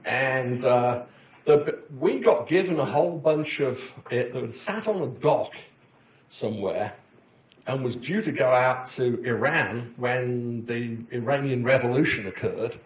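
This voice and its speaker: In the roomy echo of a conference hall, an older man gives a lecture, rambling through anecdotes and chuckling at his own stories. His mid-range voice is animated, and he keeps a measured pace.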